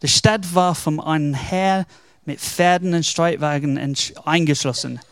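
Lively man telling a Bible story. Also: fairly high pitch, measured pace, clean tone, dry recording, studio quality. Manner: animated storytelling, switches into English words. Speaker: preacher. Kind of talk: devotional Bible talk.

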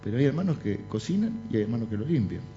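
Animated Rioplatense preacher man, lo-fi. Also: mid-range voice, rapid-fire. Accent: Rioplatense Spanish. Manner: animated storytelling with jokes and asides. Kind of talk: humorous sermon anecdotes. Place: church. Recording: dull lo-fi sound with faint music.

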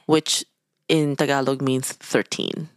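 A young Filipino woman co-hosts a podcast, chatting casually and rambling while she searches for her words. Her rumbling low voice has a flat delivery and an unhurried pace, and the recording is dry.

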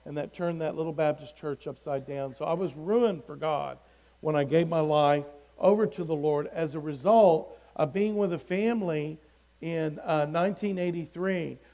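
A man's voice: a little high, normal speed, poor audio. A middle-aged man sharing his personal testimony in a church service, speaking earnestly and rising in volume when he reads scripture aloud. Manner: earnest, swells loudly when reading scripture. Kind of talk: testimony sermon.

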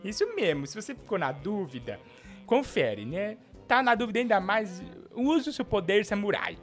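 Fields: animated, high-voiced male stream host. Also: moderate pace, faint music behind. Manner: theatrical, swings from murmured asides to shouting. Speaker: host of a comedy live stream. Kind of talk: comedic live-stream banter with callers.

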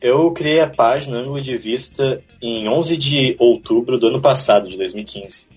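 A young man from southern Brazil talks as a podcast guest in a husky voice of middling pitch. He sounds relaxed and modest, with faint music in the background. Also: moderate pace. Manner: relaxed, modest, laughs easily. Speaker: illustrator guest. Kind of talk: casual interview chat.

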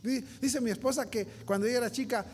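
High-voiced pastor preaching. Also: male voice, steady tone, fast talker, darkish tone, big-room sound, slight background noise. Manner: storytelling, addresses congregation directly. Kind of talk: sermon.

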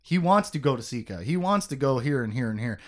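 A man's voice: medium pitch, sing-song, quick pace. A man hosting a podcast, recapping a book in casual chat, joking, laughing often and swearing.

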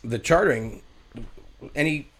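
A man's voice: fairly high pitch, animated, unhurried, fairly bright tone. A man hosting a casual chat who rambles, fills his talk with "like", and swears freely. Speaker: podcast host.

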